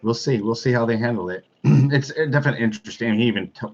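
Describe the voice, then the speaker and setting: A man chatting on a livestream call in a low-key, dry manner. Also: racing. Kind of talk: casual group chat on a livestream. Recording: dull lo-fi call audio.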